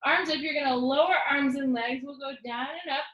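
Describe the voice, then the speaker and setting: A woman's voice: sits high, fairly even intonation, brisk, roomy sound, muffled recording. A woman fitness instructor guiding a workout, counting reps and mixing Spanish cues into her instructions. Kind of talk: guided workout cueing.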